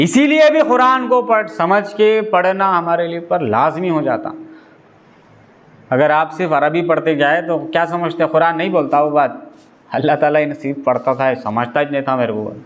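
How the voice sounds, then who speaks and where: A man giving a conversational religious talk as a preacher, putting questions to his listeners. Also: a little high. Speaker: Islamic preacher.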